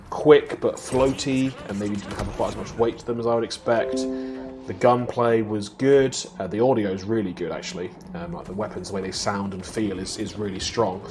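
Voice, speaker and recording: A man co-hosting a live games show, chatting casually over gameplay footage, laughing often and restarting sentences with lots of ums. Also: lowish voice. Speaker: co-host of weekly games show.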